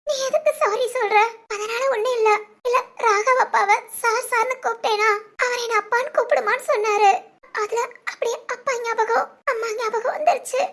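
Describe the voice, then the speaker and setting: Very high-pitched, soft, tearful young woman, voiced by a woman, audio drama. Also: moderate pace, hardly any pauses. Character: grieving young woman missing her father.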